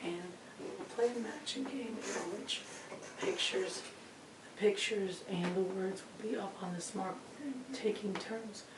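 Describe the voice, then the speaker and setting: A woman teacher presenting a lesson informally, her lost voice hoarse, croaky and effortful, often breaking into a breathy whisper. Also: mid-range voice, a little slow. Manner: effortful, pushing to be heard. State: hoarse, strained, breaking voice from voice loss. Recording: roomy, distant mic with clear background noise.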